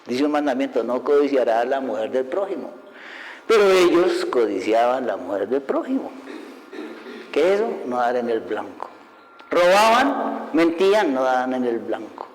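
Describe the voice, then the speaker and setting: A man preaching a sermon as an evangelist, lively and full of rhetorical questions, laughing at his own stories. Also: mid-range voice, moderate pace. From Colombia. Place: church hall. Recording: long hall reverb.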